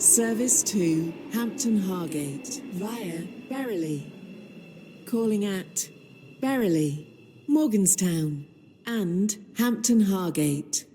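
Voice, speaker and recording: A woman's recorded voice making a train station announcement over platform loudspeakers, calm and measured with evenly spaced phrases. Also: mid-range voice, big-room sound, background noise. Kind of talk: recorded public-address announcement.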